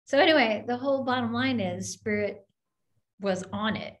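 A woman's voice: on the high side, normal speed. A woman minister telling a story in an open forum, acting out the voices of the people in it. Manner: animated, acts out the voices in her story.

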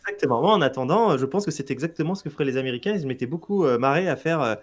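A man's voice: a little high, animated, rapid-fire. A man co-hosting a let's play video, chatting casually and playfully with lots of fillers. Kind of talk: casual gameplay chat.

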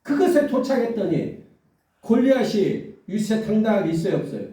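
A man preaches a sermon in a high, animated voice, full of swings in pitch. He keeps tossing questions to the congregation and acts out the voices of the story. His mellow tone echoes heavily through a church hall, picked up from a distance. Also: normal speed. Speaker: pastor. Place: church sanctuary.

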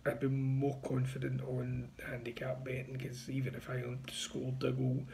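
Gravelly-voiced man in his thirties, chatty and sure of himself, tipster talking into a phone camera in a small room. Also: medium pitch, completely flat delivery, normal speed, mellow, slight background noise. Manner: confident, chatty, pushing bets. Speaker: betting tipster. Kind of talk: casual to-camera tips. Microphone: phone front camera at arm's length.

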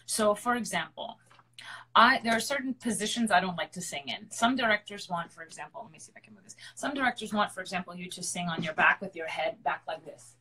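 A woman's voice: lowish voice, fast, pushed and bright, husky, poor audio. Earnest woman explaining at length. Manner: earnest, explanatory, repeats points for emphasis. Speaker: opera singer, interview guest. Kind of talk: live online interview.

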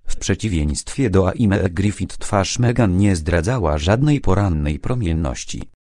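A man narrating an audiobook in a calm, measured way. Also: low voice, no echo.

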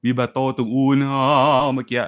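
A man in the middle of his usual pitch range coaches classical singing in an online workshop. He encourages the singer, then breaks into sung phrases to show what he means. He drops English and Italian music terms into his explanations. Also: little pitch movement, measured pace, smooth. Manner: friendly, encouraging. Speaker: voice teacher.

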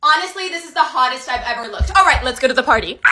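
A woman's voice: high-pitched, lively intonation, fast talker, pushed and bright. A young adult woman, a comedy creator, talking in a casual, dramatic and self-mocking way. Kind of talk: casual vlog chat.

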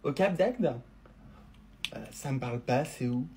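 A man's voice: medium pitch, animated, unhurried, darkish tone, slight background noise, natural voice. A man voicing a snobbish, boastful rich woman who drawls condescendingly in a comedy sketch. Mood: haughty.

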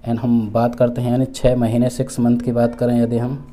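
A man from India delivers an exam-prep lecture in a deep, mellow and very dark voice. His pitch stays flat and even as he works through each point. He restates every term twice and fills the gaps with restarts. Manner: repeats each point with Hindi and English terms; many fillers and restarts, measured explaining. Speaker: teacher for exam preparation.

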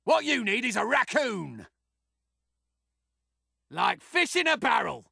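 A man playing a cocky, foul-mouthed raccoon space soldier in a video game, a gravelly voice and brash, sarcastic taunts. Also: very high voice, very animated, slow, pushed and bright, dry recording, studio quality, full character voice. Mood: cocky taunting.

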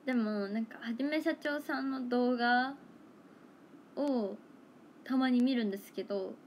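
Chatty woman, fairly high voice. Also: slight background noise. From Toyama, Japan. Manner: chatty, musing aloud, quick to laugh. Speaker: idol livestreamer. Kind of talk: casual livestream chat.

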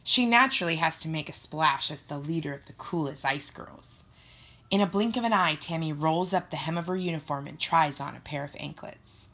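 Expressive woman reading a storybook aloud. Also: sits low, normal speed. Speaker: audiobook narrator. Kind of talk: first-person storybook narration.

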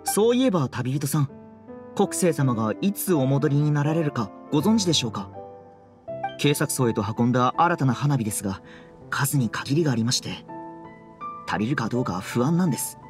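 A man's voice: mid-range voice, expressive, a little fast, over music, close to an everyday voice. A man voicing a polite, worried townsman in a video game, speaking formally. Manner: polite, anxious.

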